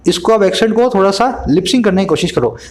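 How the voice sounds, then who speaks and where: High-voiced Indian English tutor. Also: male voice, lively intonation, quick pace. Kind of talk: explaining newspaper vocabulary.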